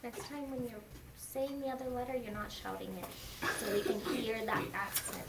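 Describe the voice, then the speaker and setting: A woman's voice: fairly high pitch, normal speed. A woman teacher giving patient, corrective prompts to a class during a phonics lesson. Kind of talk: classroom instruction. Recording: echoey classroom, far mic, loud noise.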